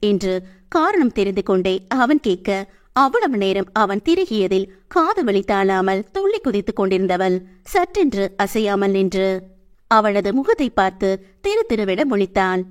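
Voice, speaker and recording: A woman narrates a romance audiobook with an expressive storytelling delivery. Her voice sits at a middle pitch yet moves through a wide, animated range. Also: normal speed.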